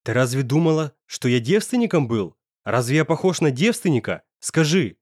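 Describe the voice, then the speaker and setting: Brief: insistent young lover in an audiobook, voiced by a man, emphatic and animated. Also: mid-range voice, normal speed, no echo, clean studio sound. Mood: angry. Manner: pressing, emphatic. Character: possessive young man, hot-tempered and insistent.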